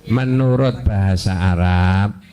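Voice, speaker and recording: An older man teaching a women's religious class in a mosque, quizzing listeners and reciting Arabic phrases slowly. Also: sits low, warm tone. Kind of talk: interactive religious lesson. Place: mosque hall.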